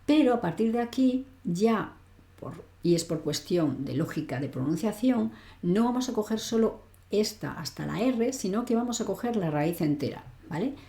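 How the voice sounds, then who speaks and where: A woman's voice: mid-range voice, expressive, normal speed, vocal fry, mellow, roomy sound. A woman teaching a French grammar lesson online, explaining step by step and often checking in with the learner. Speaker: language teacher.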